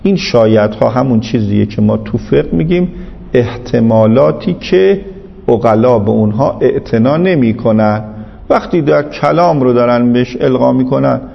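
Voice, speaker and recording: A man's voice: mid-range voice, animated, creaky, big-room sound, dull audio. A man teaching Islamic jurisprudence in a seminary lecture, arguing his point patiently and repeating it with emphasis.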